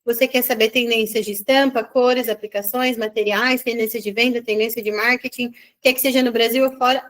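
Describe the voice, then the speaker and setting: A woman business mentor with a Brazilian Portuguese accent, giving an online mentoring session in a chatty, animated style full of quick asides. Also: high-pitched.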